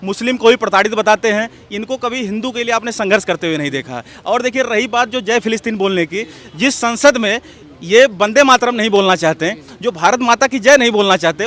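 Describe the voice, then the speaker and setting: A man's voice: high-pitched, bright, forceful tone. A man giving heated, combative political opinions as an interview guest, hammering his points and repeatedly calling for attention. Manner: emphatic, combative, keeps saying "look" and "listen".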